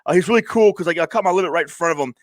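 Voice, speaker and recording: High, fast-talking excitable man. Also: dry recording. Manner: excitable storyteller, acts out his own reactions. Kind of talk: casual podcast chat.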